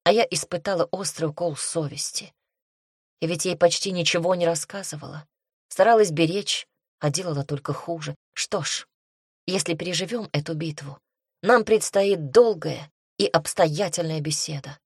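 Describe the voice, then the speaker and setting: Brief: woman narrator for fantasy audiobook, low voice, husky, dry close mic. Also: normal speed, dry recording.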